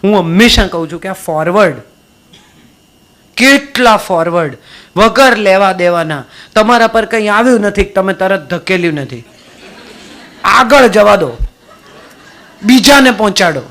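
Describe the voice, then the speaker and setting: A woman's voice: medium pitch, a little slow, pauses often. A middle-aged woman with a Gujarati accent giving a motivational speech to a live audience, telling stories and firing rhetorical questions. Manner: rhetorical questions, storytelling, lively. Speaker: motivational speaker.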